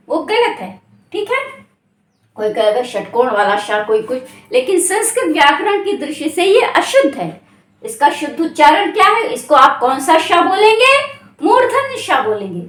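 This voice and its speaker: A woman's voice: very high-pitched, a bit bright. A woman teaching a Sanskrit grammar exam-prep lesson, asking questions and answering them herself, drawing out syllables to stress them. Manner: slow, drawn-out syllables when stressing sounds. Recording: echoey room.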